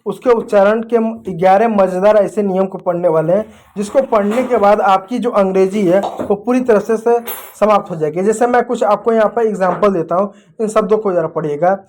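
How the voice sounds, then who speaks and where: High-voiced man teaching. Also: brisk, a little mellow. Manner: explains step by step, asks the viewer questions; writes on a board while talking. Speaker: English teacher. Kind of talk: classroom lesson.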